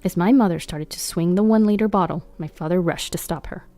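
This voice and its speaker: A woman narrating a scripted story in a steady, even reading voice. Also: on the low side, fast.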